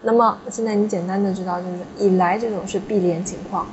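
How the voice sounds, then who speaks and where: A woman's voice: medium pitch, steady tone, fast talker, highs cut off, background noise. A woman teaching a class, explaining patiently and often checking with her students. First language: Chinese. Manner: patient, explanatory, frequent tag questions. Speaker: French teacher. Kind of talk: classroom lesson.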